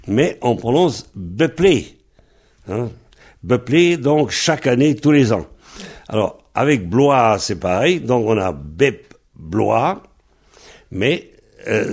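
Slow, patient male language teacher. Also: fairly low pitch, creaky, a little mellow, breathy edge. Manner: patient, spells words letter by letter. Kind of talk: slow spelled-out language lesson.

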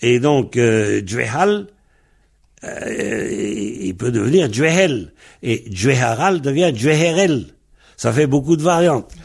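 In a medium-pitched, slightly mellow voice, a man gives a patient Breton pronunciation lesson as the teacher. He spells each word letter by letter and sets dialect variants side by side.

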